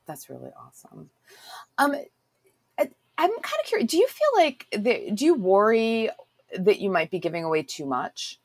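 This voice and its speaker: A woman's voice: mid-range voice, huge pitch swings, moderate pace, breathy edge, no room sound, rough recording. A woman hosting a casual interview with a chatty, curious, self-deprecating manner, who also reads a passage aloud. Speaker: podcast host.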